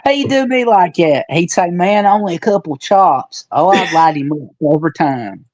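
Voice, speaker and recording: A retired wrestler in his forties reminisces casually on a podcast, spinning stories with folksy, colloquial rural phrasing. His high-pitched voice is animated and darkish at a normal speed, in a dry recording with dull audio.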